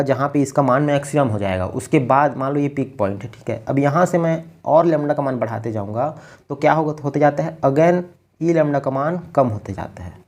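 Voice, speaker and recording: A man from India giving a patient physics lecture, explaining each step slowly and often checking in with his students. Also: medium pitch, a little mellow. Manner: keeps checking in with "ठीक है". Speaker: physics teacher. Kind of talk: blackboard lecture.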